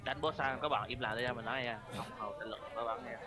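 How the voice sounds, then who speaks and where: A man's voice: medium pitch, steady tone, fast. A man streaming a game live, chatting casually and calling out directions to his team. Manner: casual, calls out directions to teammates. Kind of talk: live gameplay commentary. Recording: game music under voice. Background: game music.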